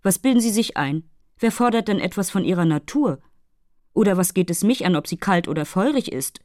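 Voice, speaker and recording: A woman's voice: mid-range voice, lively intonation, a little fast, a little mellow, dry recording, clean studio sound, voice pushed up, close to an everyday voice. A woman voicing a haughty, moralizing female fairy who lectures and takes offense easily. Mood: indignant.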